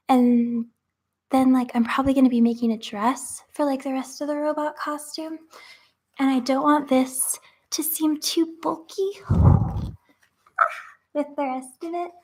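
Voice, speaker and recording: Young woman, high-pitched, casual craft vlog, chatty, rambling, occasional whispers. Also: a little mellow. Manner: chatty, rambling, many fillers.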